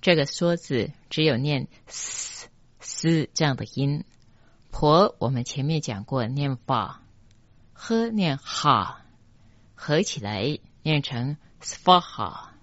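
A teacher who gives a pronunciation lesson for chanting, going slowly and deliberately and repeating each line syllable by syllable. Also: mid-range voice, expressive, no room sound. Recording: dull, dry lo-fi recording.

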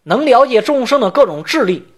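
A man teaching as a Buddhist teacher in a sutra lecture, explaining terms point by point and chanting the verse lines slowly. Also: extremely high pitch, very animated, husky.

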